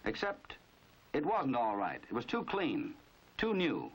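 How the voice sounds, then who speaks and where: With huge pitch swings and a slightly rough, mid-range voice, an American man narrates a 1950s crime training film at a measured pace, heavily acted. His storytelling is knowing and dramatic, the mood wry and measured, on a dull, band-limited 1950s film soundtrack.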